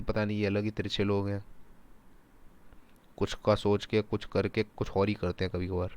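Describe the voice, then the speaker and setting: A man giving a casual, animated lecture, mixing Hindi and English, asking his students rhetorical questions. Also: lowish voice, clear, resonant tone. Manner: animated, talks in first person as a country, rhetorical questions. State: sore throat. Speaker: teacher.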